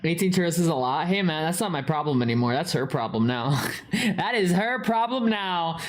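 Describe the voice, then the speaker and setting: A woman's voice: low-pitched, expressive, normal speed. A young woman casually telling a long, rambling story. She swears often and repeats her phrases.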